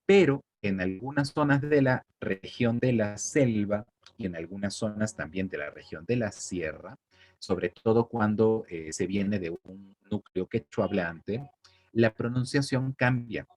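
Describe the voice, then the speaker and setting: Man, young adult, teacher, patient, conversational, slightly low pitch. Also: measured pace, darkish tone. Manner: patient, conversational, checks in with "de acuerdo". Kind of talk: spelling lesson.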